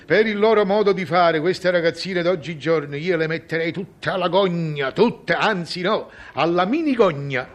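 A man's voice: sits high, normal speed, hardly any pauses, lightly acted. An actor playing a fussy middle-aged traffic cop father, theatrical and chatty, in a vintage comedy sketch. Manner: theatrical, chatty, mock-pompous.

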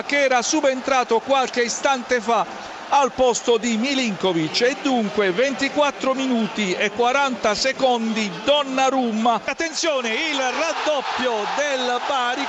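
Male football radio commentator, very high voice, live goal commentary, noisy stadium. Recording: clear outdoor stadium noise.

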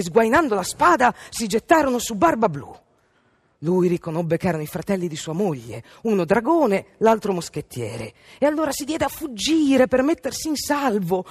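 A woman narrating a fairy tale on the radio in an expressive, dramatic way. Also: mid-range voice, husky, no room sound. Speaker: storyteller.

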